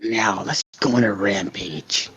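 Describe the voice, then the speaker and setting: A man's voice: lowish voice, bright, forceful tone, husky, voice pushed down, exaggerated voice. Man doing a scratchy, gloating symbiote monster. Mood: menacing. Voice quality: scratchy, slow drawl. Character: menacing male symbiote monster, slow and gloating. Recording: dull lo-fi recording.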